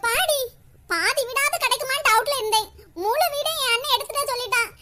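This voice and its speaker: A woman's voice: extremely high pitch, fairly quick, sharp tone. A woman voicing a scheming, self-pitying old mother-in-law in a cartoon, with a Kanyakumari Tamil accent. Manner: whining, martyr-like.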